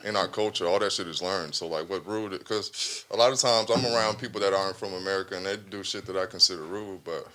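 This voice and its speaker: A man's voice: low voice, quick pace, few pauses, sharp tone. A man co-hosting a podcast, easygoing and reflective, telling stories from his childhood in casual chat. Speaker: podcast co-host.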